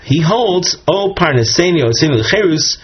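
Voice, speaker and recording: A man's voice: fairly high pitch, animated, moderate pace, husky. A man teaching a Talmud lesson, explaining step by step and quoting Aramaic and Hebrew phrases. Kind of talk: text study lesson. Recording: dull lo-fi audio recording.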